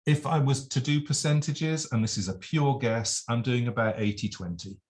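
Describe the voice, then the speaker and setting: A man's voice: mid-range voice, moderate pace, a little mellow. A man teaching as a vocal coach, explaining and demonstrating nasal and oral sounds in a lesson.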